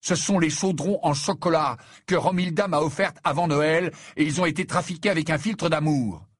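A man's voice: medium pitch, sing-song, normal speed, husky, no echo, studio quality, voice pushed up. A man voicing an exasperated, level-headed teenage boy wizard in a storybook reading, impatient and incredulous. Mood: frustrated.

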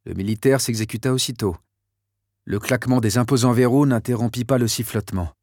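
A man narrating a novel chapter in a steady, measured reading voice. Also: medium pitch, no echo, studio quality. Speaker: audiobook narrator. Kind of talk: scripted narration.

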